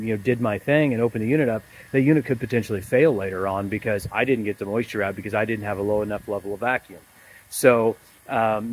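A medium-pitched man in his forties, an HVAC technician, gives a casual explanation to the camera while outdoors beside an air conditioning unit. He's filmed on a phone held at arm's length, and the audio is poor with noise in the background.

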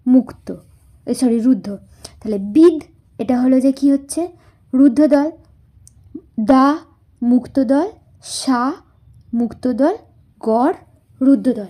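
A woman's voice: high voice, mellow. A woman teaching a class lesson, spelling words out syllable by syllable and answering her own questions.

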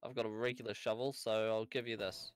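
A man's voice: fairly low pitch, little pitch movement, fairly quick, a little hiss or hum. A man chatting casually while playing a video game, teasing and sarcastic. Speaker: gamer. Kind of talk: casual gaming chat.

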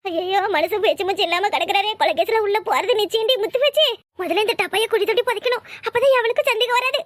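A woman voicing a flustered, sharp-tongued village mother in a cartoon, with a Tirunelveli Tamil accent, scolding loudly and lamenting theatrically. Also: very high voice, quick pace, dry recording, clean studio sound. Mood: panicked lament.

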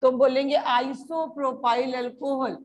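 Slow, high-voiced woman teaching chemistry. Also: flat delivery, darkish tone, a little hiss or hum. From India. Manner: mixes Hindi and English, checks understanding often; addresses students as beta. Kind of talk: classroom lecture.

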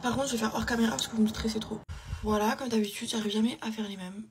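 A woman's voice: a little high, fairly even intonation, fast talker, background noise. A young woman chatting casually and offhandedly while doing her makeup, recorded on a phone at home. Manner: chatty, offhand, self-mocking. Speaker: beauty vlogger. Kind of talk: casual get-ready-with-me chat.

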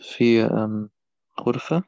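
A man's voice: on the low side, normal speed, a little mellow, no echo, highs cut off. A man answering as a student in an online Arabic lesson, hesitant and full of fillers.

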